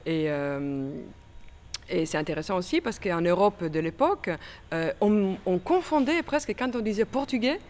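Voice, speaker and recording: Speaking at a normal pace, this curator explains history in an expert interview, stumbling through frequent fillers and restarts. The voice is medium in pitch, expressive, and darkish in tone.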